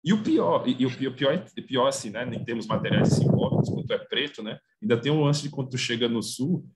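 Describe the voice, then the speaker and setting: A man from Northeast Brazil tells stories in a relaxed, slangy, animated way on a video call. His voice sits at a middle pitch. Loud background noise runs under the whole call. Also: fast. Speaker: academic presenter. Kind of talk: casual chat on a video call.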